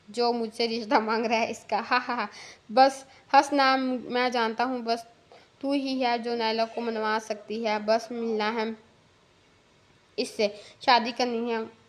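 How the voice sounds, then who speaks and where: Woman voicing a lovesick young guy, whiny and pleading, flat even voice, slightly high. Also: close to an everyday voice. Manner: pleading, complaining. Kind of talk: storybook reading with voices.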